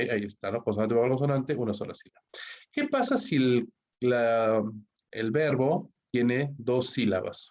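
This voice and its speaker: Peruvian guy teaching english grammar online, keeps saying ok, mid pitch, kinda dull lo-fi sound. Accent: Peruvian Spanish. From Peru. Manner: explains step by step, checks with constant "¿ok?" and "¿no?". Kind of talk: recorded online class. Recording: dull lo-fi recording.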